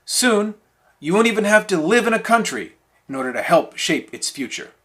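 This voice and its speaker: A man's voice: sits high, very animated, moderate pace, pushed and bright. A man reading scripted mock news as a parody news anchor, in a formal, straight-faced delivery.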